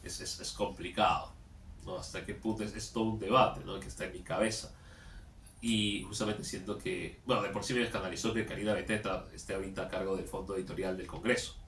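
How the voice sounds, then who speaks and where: A man's voice: sits low, steady tone, a little fast, fairly bright tone. A tired man hosting a commentary channel, talking casually and reading a news article aloud, with many tag questions and repeated words. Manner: conversational, tags phrases with "¿no?", repeats words. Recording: echoey room, distant mic, faint noise.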